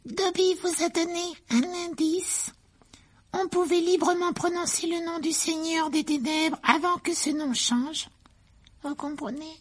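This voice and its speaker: Squeaky, slow-spoken little house-elf, audiobook. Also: male voice, fairly even intonation. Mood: earnest. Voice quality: high squeaky voice. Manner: slow, emphatic, speaks of himself in third person. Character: small excitable male house-elf, squeaky and devoted. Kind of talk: audiobook character voice.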